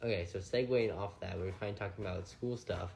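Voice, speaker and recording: A teenage boy hosts a loose, rambling chat with his friends and laughs often. His voice sits fairly low. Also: fairly even intonation, fast talker, gravelly, a little mellow, a little hiss or hum. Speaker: host. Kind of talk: casual chat.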